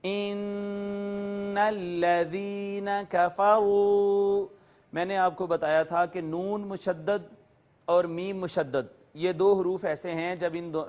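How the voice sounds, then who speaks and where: A man with a notably high-pitched voice gives a methodical lecture as a Quran teacher. He moves patiently from term to term, defining each and repeating it for his viewers. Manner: addresses viewers politely. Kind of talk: lecture explaining Arabic letters and recitation rules.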